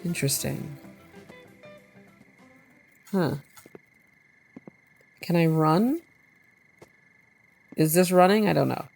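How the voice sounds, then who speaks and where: A woman's voice: lowish voice, slow, gravelly, long pauses, darkish tone, soft background music. Chatty, slightly congested woman gaming. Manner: chatty, self-mocking, often laughing. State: slightly congested from a recent cold. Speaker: gameplay video host. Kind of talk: casual let's-play commentary, reading game text aloud.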